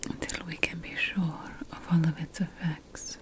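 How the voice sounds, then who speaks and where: Playing a secretive ancient witch priestess who researches magical potion plants, a woman whispers in a breathy, gentle, conspiratorial way for an ASMR fantasy roleplay, treating the listener as her assistant. Her voice is on the low side, level, and unhurried.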